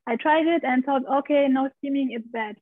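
Her voice is high and her pace moderate as she tells her story openly, laughing frequently and gesturing throughout. She is a woman in her thirties from Romania, a pelvic steam practitioner joining the interview as a guest from her living room by video call. Recorded on a laptop mic, the audio is dry and tinny with no echo.

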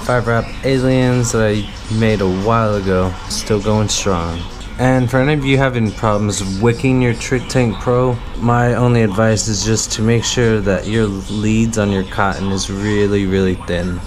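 A twenty-something man on a vape brand's team chats loosely to his vlog in slangy, relaxed speech, his lowish voice steady and measured with barely a pause. He's filming on a handheld action camera held at arm's length, so the audio is noisy, with ambient hum and music underneath.

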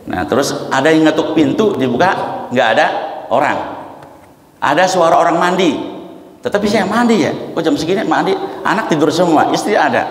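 Preacher in an echoey mosque hall. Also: male voice, fairly high pitch. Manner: lively, folksy explanations with frequent "nah" and demonstrations of recitation. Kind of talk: mosque religious lecture.

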